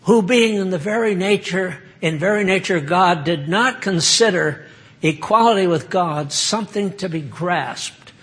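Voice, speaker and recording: An older American man giving an informal sermon, conversational and halting with many fillers. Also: high voice, a bit bright. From United States. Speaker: preacher.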